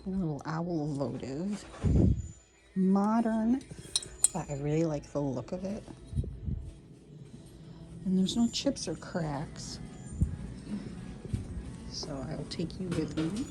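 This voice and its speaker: A woman vlogging as she browses a thrift store for vintage pieces to resell, often whispering excitedly to the items. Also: fairly low pitch, slow, pauses often. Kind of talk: thrift store vlog narration.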